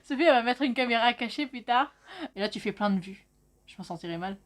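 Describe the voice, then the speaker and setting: Brief: bright high-pitched woman from France, casual vlog teacher, chatty, jokey, swears a bit. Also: lively intonation, fast talker. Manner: chatty, swears, jokes with friend. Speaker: video host teaching Khmer.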